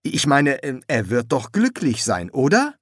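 A man's voice: mid-range voice, big pitch swings, measured pace, no room sound, studio quality. A man voicing an anxious young king who hesitates and fusses in an audiobook. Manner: hesitant, fussy.

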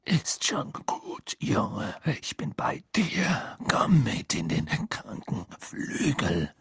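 Guy doing a gruff old man whispering slow and low, husky. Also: huge pitch swings, a bit bright, no echo, studio quality, full character voice. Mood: hushed.

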